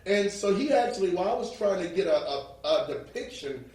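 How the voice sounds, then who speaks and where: Higher-voiced New York-accented man, very echoey room. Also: animated, a little fast, a little mellow. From New Orleans. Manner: preacherly, emphatic, often checks listeners follow with "right?". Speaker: interview guest. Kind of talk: motivational storytelling in an interview. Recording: very echoey room, distant microphone.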